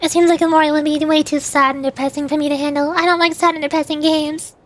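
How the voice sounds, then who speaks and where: Her voice high and level, a young woman streamer talks fast and casually to her audience. She rambles about old screenshots she's showing and reads the chat aloud.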